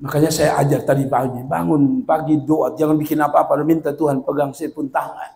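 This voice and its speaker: A male pastor, preaching a sermon that swings from quiet murmurs to loud shouted peaks and acts out the voices in his stories. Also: a little high, fairly even intonation, fairly quick, vocal fry.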